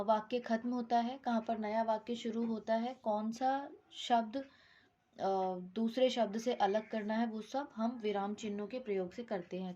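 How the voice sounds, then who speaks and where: A woman's voice: on the high side, dark tone, muffled recording. A woman teaching a Hindi grammar lesson, explaining step by step, mixing English words into her Hindi and checking with "ठीक".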